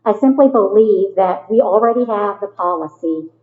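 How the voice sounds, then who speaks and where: A woman's voice: medium pitch, expressive. Kentucky woman, echoey phone-like meeting audio. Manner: earnest, measured, with frequent fillers. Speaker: school board member. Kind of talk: formal meeting discussion. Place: meeting room. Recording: echoey hall over a thin phone-like line.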